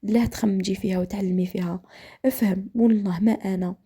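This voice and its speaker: A man's voice: high-pitched, steady tone, a little fast, mellow, breathy edge. A woman voicing a furious, jealous young husband with an Algerian accent, accusing and threatening.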